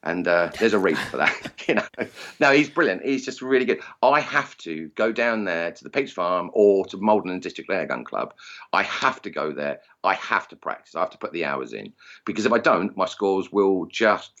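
Deep-voiced, animated Essex man. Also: moderate pace, highs cut off. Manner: self-deprecating, jokey. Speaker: interview guest, target shooting instructor. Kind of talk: casual chat.

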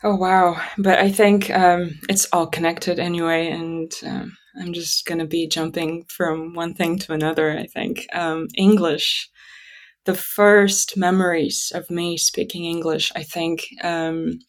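A woman whose native language is Russian speaks in a slightly low voice. She tells stories about herself conversationally, pausing and thinking aloud as she goes. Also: flat delivery. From Kazakhstan. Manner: halting, reflective, thinking aloud. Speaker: interview guest. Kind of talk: conversational personal storytelling.

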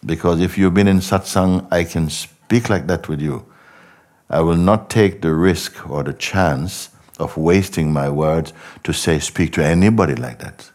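A deep-voiced man speaks as a teacher in a contemplative spiritual talk, going slowly and reflectively. He poses many rhetorical questions and often lets his sentences trail off softly.

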